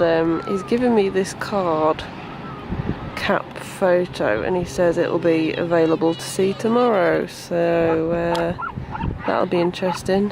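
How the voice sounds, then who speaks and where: A young woman with a lowish voice and vocal fry chats casually in a holiday vlog, her humour dry and wry. She's on the move, outdoors and in a car, with noisy background sound.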